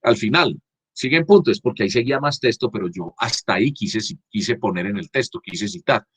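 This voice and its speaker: A man giving a class lecture over a video call. He talks haltingly, restarts often, and keeps checking that students follow. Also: lowish voice, lively intonation, a bit bright, husky, no room sound. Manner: halting, frequent restarts, checks understanding with "¿cierto?". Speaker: university teacher. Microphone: computer mic on a video call.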